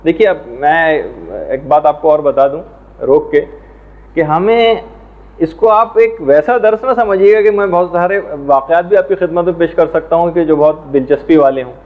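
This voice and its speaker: A man teaching a religious lesson in a measured, explanatory way, now and then reciting Arabic prayers and verses. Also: on the high side. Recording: tinny phone-like sound.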